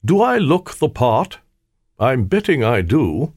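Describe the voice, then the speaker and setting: A sly, boastful trickster spirit , played by a man, mocks his enemy in a raised, sing-song voice. His pitch leaps about with showy delight, with a husky edge on a dry, close sound. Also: very animated, takes it slowly, darkish tone, dry recording, heavily acted. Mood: taunting. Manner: taunting, theatrical. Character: cocky, mocking male spirit, sly trickster.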